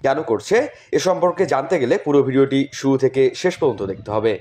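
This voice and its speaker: A man's voice: medium pitch, expressive, quick pace, over loud music. A man hosting a video report, narrating scripted lines and addressing viewers like a presenter. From northern Bangladesh.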